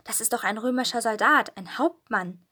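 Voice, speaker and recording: A woman's voice: fairly high pitch, normal speed, bright, forceful tone, breathy edge. A weary, suspicious male disciple in a storybook, grumbling about a stranger. A woman reads him aloud in a lightly raised voice. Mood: wary. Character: Peter, grown male disciple, tired and wary.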